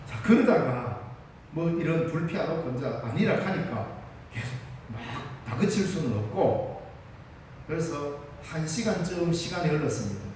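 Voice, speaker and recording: The voice is fairly high, darkish and expressive, at normal speed. A Gyeongsang-accented male pastor gives a vivid Sunday sermon in the church sanctuary, acting out the dialogue, heard from afar in an echoey hall with slight background noise.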